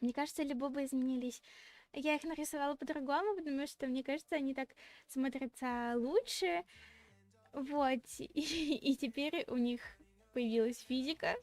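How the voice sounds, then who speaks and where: Hosting a redebut stream, a VTuber chats casually with viewers in a cute, girlish, slightly shy and giggly anime-streamer style. Her voice is high with a darkish tone at normal speed, recorded with no room sound but with clear background music.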